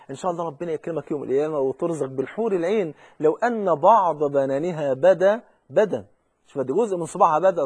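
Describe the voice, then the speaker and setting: A man preaching a sermon with an Egyptian Arabic accent, fervent, slowing into emphatic recitation when he quotes scripture. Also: a little high, a little mellow, husky, no room sound. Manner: fervent, quoting hadith with slow emphatic recitation.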